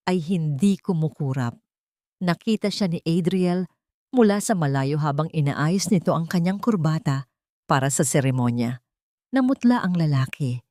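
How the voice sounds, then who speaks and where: A woman with a Filipino accent narrates a dramatic scripted story as an audiobook, her low-pitched voice darkish in tone. The sound is clean studio audio with no echo.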